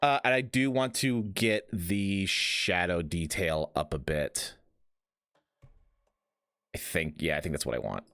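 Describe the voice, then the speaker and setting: A man's voice: deep voice, measured pace, pauses often, fairly bright tone, dry recording, studio quality. A man streaming a game with casual, playful commentary, muttering asides and chatting to viewers. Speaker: gaming streamer.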